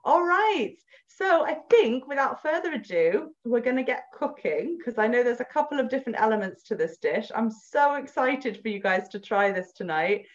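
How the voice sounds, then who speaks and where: A woman's voice: on the high side, lively intonation. A woman hosting an online cooking class, upbeat and encouraging as she steers the call and hands over to the guest cook. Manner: upbeat, encouraging, quick asides. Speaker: host of an online cookalong. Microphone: laptop video call. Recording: dull, muffled video call audio.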